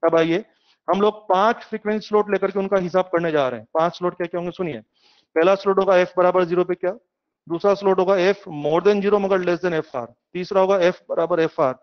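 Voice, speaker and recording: Male teacher, middle-aged, high pitch, muffled lo-fi sound; lively lecture style, keeps quizzing students. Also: fairly quick. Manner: lively, asks students questions, uses homely examples. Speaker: physics teacher. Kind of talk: classroom lecture.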